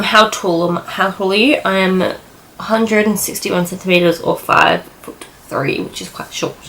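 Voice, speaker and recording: A young adult woman from New Zealand and Australia talks casually to her vlog viewers in a sit-down chat, her mid-range voice fairly bright though the audio is poor. She rambles, corrects herself often, and uses "like" as filler constantly.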